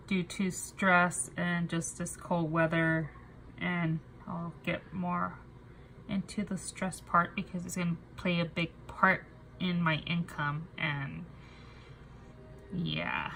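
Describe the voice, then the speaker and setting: The voice is on the low side and nasal from a cold, belonging to a young woman who vlogs about budgeting. Chatting casually to the camera, she keeps breaking off and restarting her sentences with fillers, her tone soft and halting. A little hiss or hum is audible.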